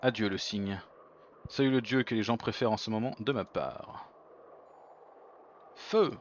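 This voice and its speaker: A man's voice: fairly low pitch, unhurried, lo-fi sound, a little hiss or hum, close to an everyday voice. Man acting a haughty, scheming would-be emperor. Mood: cold command. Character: scheming, haughty male prime minister hungry for an emperor's crown.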